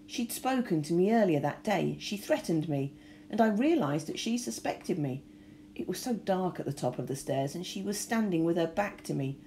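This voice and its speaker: A woman's voice: on the low side, lively intonation, normal speed, dark tone, slight background noise. A woman voicing an earnest young man who explains himself in a pleading way.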